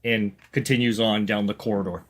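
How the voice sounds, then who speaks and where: A man running a tabletop role-playing game, narrating scenes in a dramatic, halting way. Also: on the low side, fairly even intonation, a bit bright. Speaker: game master.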